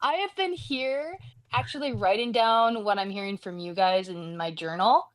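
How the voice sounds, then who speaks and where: A woman's voice: mid-range voice, moderate pace, no room sound. A woman playing a tabletop game, explaining her moves at length. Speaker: player.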